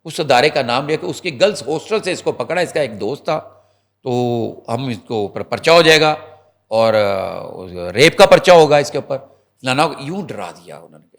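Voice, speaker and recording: Talk show reporter, male, animated storyteller, mid-pitched voice, speaks straight to the viewers. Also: vocal fry.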